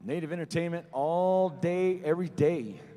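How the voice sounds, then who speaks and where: A man with a fairly high-pitched voice emcees a powwow over a PA system. He addresses the crowd directly in a folksy, joking style. His words ring with long reverb in a big venue. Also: normal speed, warm tone. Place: large echoing venue. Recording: long reverberant arena PA sound.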